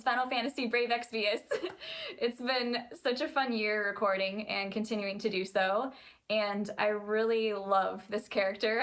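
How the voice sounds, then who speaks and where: A woman, a voice actress, sincerely thanking fans in a recorded message. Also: a little high. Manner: warm, sincere, light laughter.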